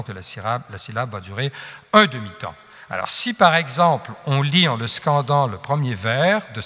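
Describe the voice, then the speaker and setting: A man's voice: on the low side, pushed and bright, long reverb tail. A man teaching a class, chanting out rhythms and restarting phrases with many fillers. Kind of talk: classroom lecture.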